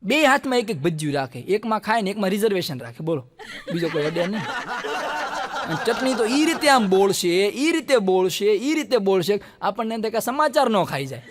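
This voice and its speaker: A man with a Kathiyawadi Gujarati accent doing stand-up comedy, a lively storyteller who acts out the people in his jokes. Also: sits high, a little fast, long reverb tail, a crowd in the background.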